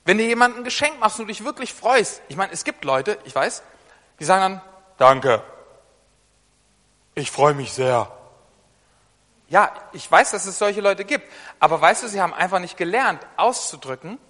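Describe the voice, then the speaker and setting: A man preaching a sermon in a chatty way, often turning to listeners with quick questions and moving between soft asides and loud, emphatic bursts. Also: high-pitched, lively intonation. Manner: conversational, often asks listeners "weißt du?" and "ne?". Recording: long hall reverb.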